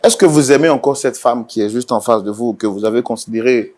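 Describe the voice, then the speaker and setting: A man acting as the host and mediator, asking probing, formal questions and repeatedly urging calm. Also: mid-range voice, a little fast. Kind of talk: questioning mediation talk show.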